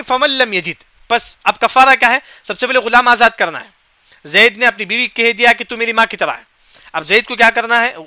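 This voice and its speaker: A man's voice: high voice, sharp tone, smooth, no echo. A man giving a Quran commentary lesson. He asks and answers his own questions, repeats key points, and recites short Arabic verse phrases before explaining them. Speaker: Quran teacher.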